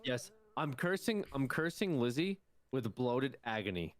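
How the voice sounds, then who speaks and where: A man's voice: medium pitch, sing-song, unhurried. A man playing an online tabletop game, bantering in casual sweary slang with exasperated, incredulous complaints.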